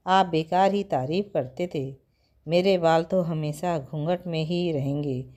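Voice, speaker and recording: A woman's voice: sits low, unhurried. A woman doing a wistful young bride. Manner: soft, complaining. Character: gentle young bride, wistful about her hair.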